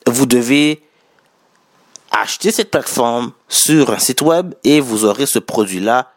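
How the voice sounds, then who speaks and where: A man's voice: mid-range voice, unhurried, no echo, clean studio sound. A man with a Québécois accent giving casual spoken business advice to viewers, chatty and correcting his own wording as he goes. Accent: Québécois French. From Quebec.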